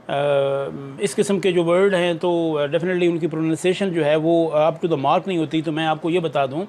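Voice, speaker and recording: A man's voice: sits high, slight background noise. A man teaching an English lesson, explaining carefully and repeating pronunciation drills. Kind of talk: recorded online lesson in Urdu-Hindi with English terms.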